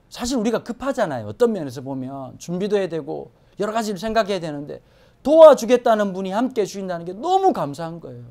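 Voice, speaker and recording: A woman pastor preaching a Sunday sermon in a church, swinging from hushed asides to emphatic exclamations. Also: fairly low pitch. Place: church sanctuary.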